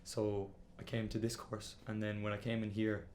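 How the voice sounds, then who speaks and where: A man's voice: fairly low pitch, little pitch movement, normal speed, darkish tone, slight background noise. A man in his twenties with an Irish accent, the band's singer, telling his story in a casual interview full of fillers like "kinda" and "like.". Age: 20s. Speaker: band singer and guitarist.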